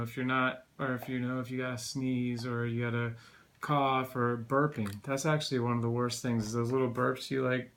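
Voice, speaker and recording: A man speaks casually to his viewers in a personal vlog update while nursing a sore throat after surgery. His pitch sits in an ordinary male range and moves very little. He explains things in a loose, rambling, conversational way. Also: fairly bright tone, a little hiss or hum. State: recovering from tonsillectomy, sore throat. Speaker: video blogger.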